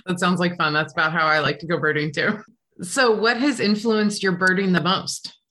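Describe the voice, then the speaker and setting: A woman's voice: lowish voice, fairly even intonation, normal speed, sharp tone. A woman hosting a podcast and asking a guest questions in an encouraging, upbeat way. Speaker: podcast host. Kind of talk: casual interview questions.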